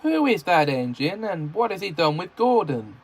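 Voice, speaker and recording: A man's voice: fairly high pitch, very animated, normal speed, slightly rough, voice pushed up, heavily acted. A man doing a cheeky little tank engine. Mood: puzzled.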